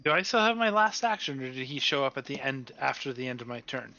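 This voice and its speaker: A man's voice: medium pitch, sing-song, quick pace, pushed and bright, no room sound, highs cut off. A man playing a tabletop game, chatting casually and jokingly about his moves.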